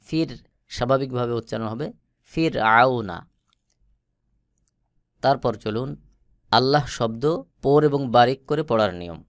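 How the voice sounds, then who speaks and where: A man with a Bangladeshi Bengali accent teaching Quran reading, spelling out letters slowly and chanting the words in long drawn-out tones. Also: medium pitch, dry recording, studio quality. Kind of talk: slow spelled-out recitation lesson.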